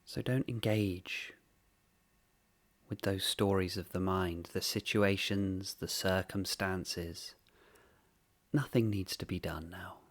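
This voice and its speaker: This guided meditation is led by a man whose low-pitched voice holds a steady tone; he speaks gently and slowly, in short phrases broken by long pauses.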